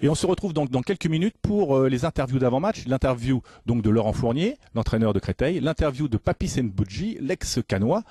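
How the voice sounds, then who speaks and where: A man's voice: mid-range voice, animated, brisk, hardly any pauses, mellow, breathy edge, no room sound. A man presenting and interviewing for a football club video.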